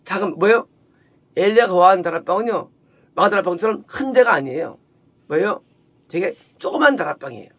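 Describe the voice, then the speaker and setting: This is a male preacher expounding scripture in sermon style. His voice sits high and has a breathy, husky grain. He poses rhetorical questions and answers them himself, and he voices quoted characters with a lifted, sharper tone. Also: expressive, fairly quick, pauses often. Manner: acts out the quoted woman in a raised, sharp voice. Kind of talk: sermon, Bible exposition.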